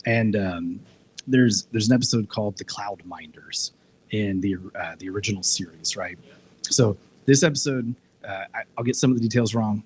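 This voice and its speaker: A panelist at a live discussion event, a man with a lowish voice and moderate pace, casually retells a TV episode with plenty of restarts and filler words. The audio is poor, with slight background noise.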